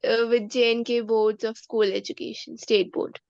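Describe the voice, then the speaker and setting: A woman's voice: fairly high pitch, little pitch movement, normal speed, a little mellow, no room sound. A young woman in her late teens from Kashmir with an Indian accent, a student earnestly and hesitantly asking for advice on an online call. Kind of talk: asking a question in an online session. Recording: dry, dull online call audio.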